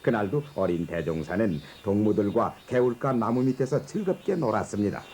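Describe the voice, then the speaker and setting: A man narrating a children's animated biography in a gentle, measured storytelling manner. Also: lowish voice, a little hiss or hum. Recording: narration over background music.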